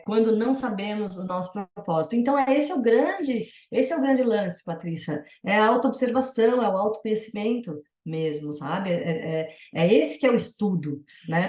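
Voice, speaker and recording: A woman's voice: on the low side, a little mellow, echoey room. A woman with a Brazilian Portuguese accent teaching a yoga satsanga in a casual, reflective way, full of fillers.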